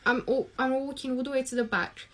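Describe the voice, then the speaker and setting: A woman's voice: high voice, fairly even intonation, brisk, fairly bright tone, soft background music. Exasperated woman recounting a work story. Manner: casual, exasperated retelling full of quoted back-and-forth. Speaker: restaurant host. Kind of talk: storytime monologue.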